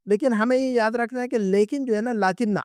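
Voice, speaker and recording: A man teaches an Arabic lesson online. His voice sits high and sounds smooth and clear, recorded dry and close. He goes patiently, repeating each point and checking in with his students. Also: darkish tone, dry recording. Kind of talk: online class lecture.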